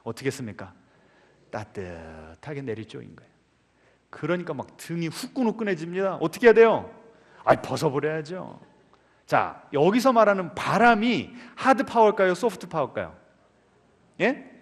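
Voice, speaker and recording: Pastor guy preaching sunday sermon, highish voice, keeps quizzing the church, lots of echo. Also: moderate pace. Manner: lively, keeps asking the congregation questions. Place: church sanctuary. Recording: long reverb of a church hall.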